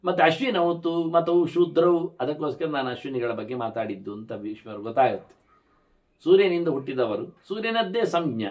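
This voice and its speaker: Animated older man telling scripture stories. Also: moderate pace. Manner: animated, swings pitch and loudness, voices characters in quotes. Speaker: scholar giving a religious discourse. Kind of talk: lively storytelling discourse on scripture.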